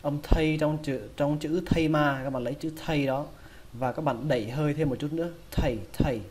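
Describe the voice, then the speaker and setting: A man's voice: fairly high pitch, steady tone, fairly quick, darkish tone. A man with a Vietnamese accent teaching English vocabulary, patiently repeating each word several times. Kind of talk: pronunciation lesson.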